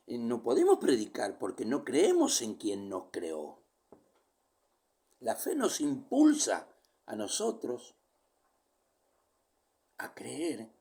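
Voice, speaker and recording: A man delivers a sermon with animated pitch that climbs high and sinks low. He reads scripture aloud and explains it verse by verse. His voice swings between loud calls and near whispers. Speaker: preacher.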